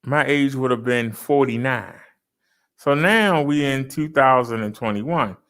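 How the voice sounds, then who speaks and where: A man's voice: medium pitch, measured pace, a bit bright, clean tone. A man in his fifties venting in a casual vlog, argumentative and repeating his points. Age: 50s. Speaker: vlogger. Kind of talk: casual ranting monologue.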